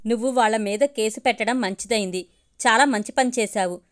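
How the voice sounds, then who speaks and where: A woman voicing an earnest young man, a concerned friend who speaks gently and persuasively. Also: on the high side, a little fast, lightly acted.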